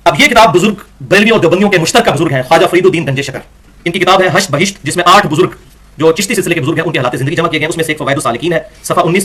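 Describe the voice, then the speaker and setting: Man, religious lecture, high-pitched, bright and sharp tone, emphatic, argumentative. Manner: emphatic and argumentative, slowing to recite Arabic verses. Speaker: religious speaker.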